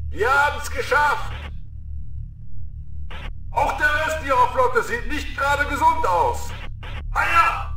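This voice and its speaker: A man's voice: sits high, full character voice. A man playing a cocky, gallant young fighter pilot in a video game cutscene, exuberant, over cockpit radio. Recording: echoey, distant, loud music behind.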